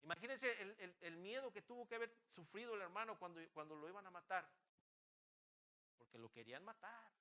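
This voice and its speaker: Expressive and a little fast, a pastor gives a sermon in church in a high, bright voice with force behind it. He hammers his audience with fervent rhetorical questions and frequently stumbles, starting phrases again.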